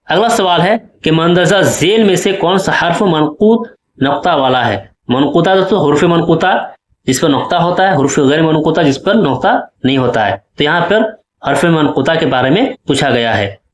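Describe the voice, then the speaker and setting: A male teacher with a fairly high voice works through exam questions one by one. He explains each answer patiently and keeps checking that the class follows. The sound has a noticeable room echo. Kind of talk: exam-prep lesson.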